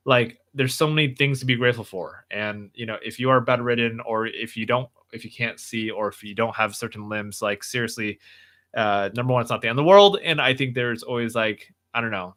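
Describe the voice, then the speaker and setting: A young man hosts a casual livestream, talking earnestly in a bright, forward tone. He rambles and restarts often, filling his talk with fillers as he goes. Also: mid-range voice. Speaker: livestream host.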